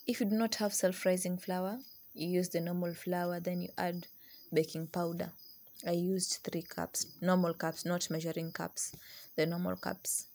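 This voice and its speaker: This cooking vlogger, a young woman, talks through a relaxed recipe in a lowish, slightly mellow voice with some vocal fry, keeping a level tone and normal speed. Chatty throughout, she mixes English and Swahili, recorded by a counter-mounted camera a moderate distance away in her small kitchen.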